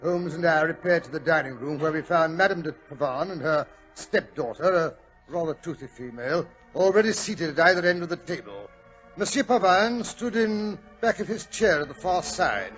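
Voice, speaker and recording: A man's voice: fairly high pitch, animated, normal speed, a bit bright, soft background music. An actor playing a genial English doctor telling his story, avuncular and slightly flustered, in 1940s radio style. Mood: reminiscing, genial. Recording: dull vintage radio recording.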